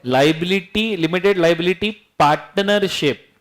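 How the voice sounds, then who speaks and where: A man with a notably high voice teaches a classroom full of students. He, and he keeps things lively and teasing, firing questions at the class as he goes. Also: unhurried. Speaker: law teacher. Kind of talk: classroom lecture.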